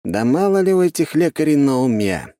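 A man narrating puts on a brisk, loyal investigator with a swinging, animated voice. He leans hard on his words and stays loyal but blunt. The sound is dry and close. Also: fairly high pitch, dry recording, pitched above the performer's own voice. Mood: deferential. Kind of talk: audiobook character voice.

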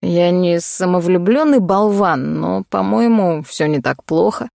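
A woman voicing a blunt, teasing young man in an audiobook, speaking low and unhurried. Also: lively intonation, gravelly, darkish tone, no echo, clean studio sound. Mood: smug.

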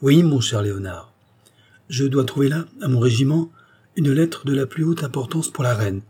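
A man's voice: medium pitch, expressive, normal speed, dark tone, slightly rough, voice pushed up. A man reading the part of a self-assured aristocratic duke who speaks in a soothing, reassuring way.

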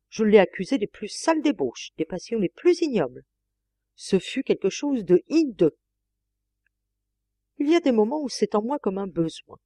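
A woman reading a first-person novel aloud as an audiobook, in a measured, expressive way. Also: mid-range voice, no room sound. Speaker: audiobook reader.

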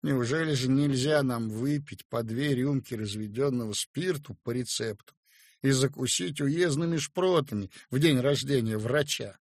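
A man reading a story aloud in a measured, expressive storytelling way. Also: mid-range voice, no echo, studio quality. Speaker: narrator. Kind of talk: audiobook reading.

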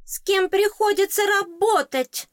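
A woman voicing a tiny female tooth fairy with a squeaky, shrill voice and theatrical outrage. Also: measured pace, no room sound, clean studio sound. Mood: scolding.

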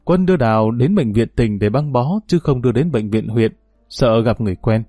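A man reading a dramatic story aloud as a storyteller, in a steady narrating manner. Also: medium pitch, moderate pace, no room sound, faint music behind.

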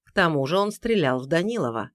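A narrator playing a composed senior male investigator who talks in a measured, authoritative way. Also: fairly high pitch, very animated, a bit bright, no echo, clean studio sound. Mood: level.

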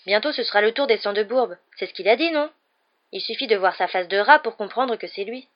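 A woman voicing a quick-tempered schoolboy who talks heatedly and sarcastically. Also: mid-range voice, expressive, lo-fi sound, pitched above the performer's own voice, lightly acted.

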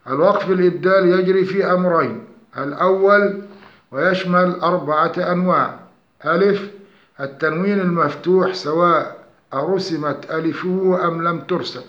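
A male teacher with a slightly high voice explains recitation rules point by point, calm and methodical, slowing down to recite examples. The room rings with echo, and the lo-fi recording sounds dull. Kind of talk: structured lesson on recitation rules.

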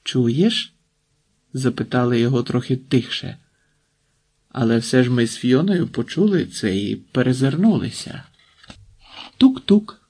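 A man narrates a literary novel at a calm, measured pace. His voice sits at an ordinary middle pitch for a man and carries the story steadily. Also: breathy edge. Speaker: audiobook narrator. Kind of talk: literary audiobook reading.

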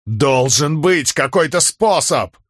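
A man voicing a desperate, defiant aging warlord prince who pleads and shouts at the sky. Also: deep voice, lively intonation, slow pace, breathy edge, no echo, clean studio sound, full character voice.

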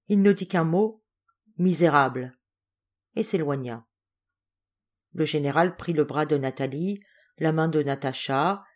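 A woman reading a classic novel aloud as audiobook narrator, in a steady, measured way. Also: deep voice. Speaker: audiobook reader. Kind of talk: scripted narration.

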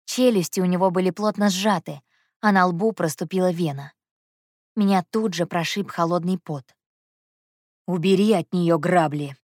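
A young woman narrating an audiobook in the first person, telling the story in a lively, expressive way. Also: fairly low pitch, moderate pace, no echo, studio quality.

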